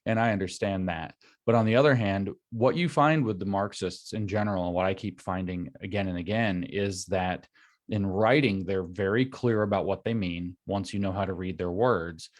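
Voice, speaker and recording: A man with a low-pitched voice talks over a video call as a guest. He lectures in long, connected stretches, stringing points together with "and so" as he builds his case. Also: normal speed. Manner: long run-on explanations linked with "and so". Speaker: guest commentator. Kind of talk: explanatory lecture-style talk.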